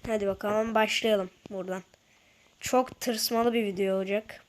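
A woman talks her viewers through a game in a chatty, casual way, slightly ill. Her voice sits at a middling pitch. A clear hiss of noise runs under the recording. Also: fairly even intonation, normal speed. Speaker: gaming YouTuber. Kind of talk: casual gameplay commentary.

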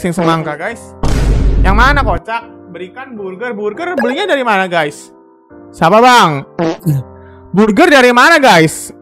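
A man's voice: high-pitched, bright, forceful tone. A man streaming a game live, chatting casually with viewers, thanking donors and repeating questions to his chat.

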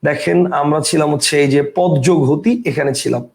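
Man, teacher, step-by-step explaining, gravelly, echoey room. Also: on the high side, a little fast. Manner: explains step by step, often checks understanding. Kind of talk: online grammar lesson.

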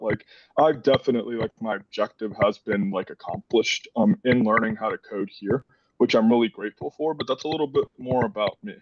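A man's voice: mid-range voice, dry recording. Young man presenting over a video call. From Dominican Republic. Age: 20s. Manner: casual, many "like" fillers. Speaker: student presenter. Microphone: headset on a video call. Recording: dull, distant video call audio.

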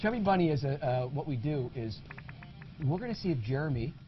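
A man hosting a casual party game, joking and energetic. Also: on the high side, fairly quick, muffled recording, faint music behind. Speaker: host.

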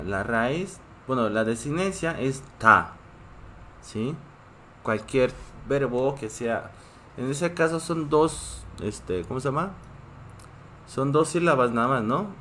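A native Korean man teaches in a slow, patient live class, checking in with students at every step. His pitch sits in a middle range. A faint hiss runs under the recording. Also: a bit bright. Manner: reads chat and greets viewers. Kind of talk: live online language class.

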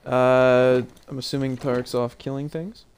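A man chatting casually while playing a multiplayer game, excitable and directing the group. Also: medium pitch, unhurried. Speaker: gamer. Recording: noisy game audio behind voice.

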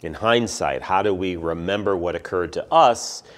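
A man, a pastor, giving a relaxed, conversational sermon. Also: deep voice, normal speed.

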